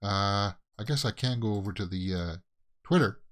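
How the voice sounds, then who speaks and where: A man's voice: lowish voice, moderate pace. A Canadian man hosting a casual movie news show, rambling through headlines with plenty of fillers and restarts. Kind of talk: casual solo commentary.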